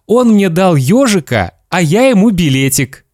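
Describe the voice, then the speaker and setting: A small, excitable boy who cannot stop pleading in a high, bright voice, as a man reading a storybook puts him on. The reading is unhurried and the sound is dry and close. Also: no echo. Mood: eager. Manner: eager, high and pleading, turns tearful.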